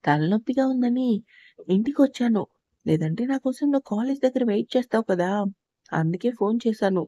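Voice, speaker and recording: A woman's voice: on the high side, expressive, brisk, mellow, no echo, studio quality. A woman reading the part of an anxious young wife who grumbles to herself and speaks timidly in a storybook reading. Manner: nervous, grumbling.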